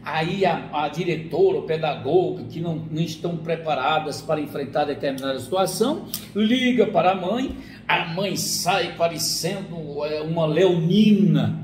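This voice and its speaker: A man talks through a psychology lesson in a lively, animated way, voicing the parents and children in his examples. His voice sits high for a man. The room is echoey, with a faint hum of ambience behind him. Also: normal speed. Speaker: psychologist giving a talk. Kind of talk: explanatory talk.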